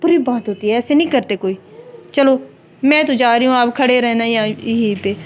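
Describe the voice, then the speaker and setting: A woman's voice: on the high side, a little hiss or hum. A young woman and mother chatting casually through a home vlog, rambling from topic to topic and cooing in a sing-song to her baby. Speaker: family vlogger, mother of a small child.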